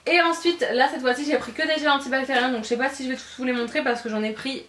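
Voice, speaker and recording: A woman's voice: high-pitched, fairly even intonation, fast, fairly bright tone, slight background noise. Gushing woman vlogger in an echoey room. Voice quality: gushing, repeats words for emphasis, frequent hesitations. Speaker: beauty vlogger. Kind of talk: casual haul video chat.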